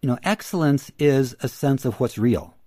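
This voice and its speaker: Measured male counselor, dry close sound. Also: mid-range voice, lively intonation, mellow, no room sound. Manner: measured, teacherly, repeats key phrases. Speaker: counselor guest. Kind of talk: explaining advice in an interview.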